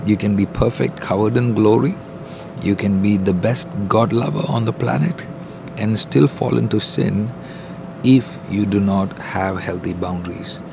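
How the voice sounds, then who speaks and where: A low-voiced man records an informal devotional podcast in an airport terminal, with rumbling noise behind him. His voice is gravelly, and he teaches earnestly as a pastor, halting and restating phrases.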